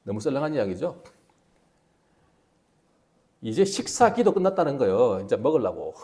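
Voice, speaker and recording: A man's voice: medium pitch, normal speed. A male pastor delivering an expository sermon, storytelling animatedly and asking the congregation rhetorical questions. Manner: animated storytelling, acting out dialogue in quoted voices.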